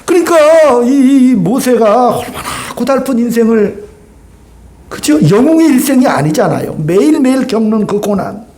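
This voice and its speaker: A male pastor in a church sanctuary delivers an animated sermon, acting out dialogue and putting questions to the congregation. His voice is extremely high-pitched and his pace moderate.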